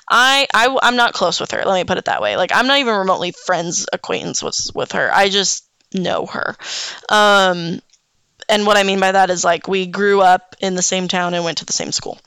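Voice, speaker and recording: Frank young woman podcasting, smooth voice. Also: mid-range voice, a bit bright, no echo. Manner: rambling, frank, swears often, many ums and likes. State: yawning and hiccuping. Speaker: podcast host. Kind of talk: casual solo podcast chat.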